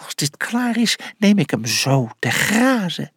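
A storyteller voicing a tiny, excitable male mouse who bosses and cheers on his team. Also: a little slow, slightly rough, dry recording, studio quality, exaggerated voice. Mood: cocky. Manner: squeaky, bossy cheering.

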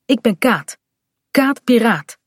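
A woman's voice: on the high side, animated, normal speed, no echo, studio quality. A woman reading aloud voices a spirited little girl who plays pirate, cheeky and proud. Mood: defiant.

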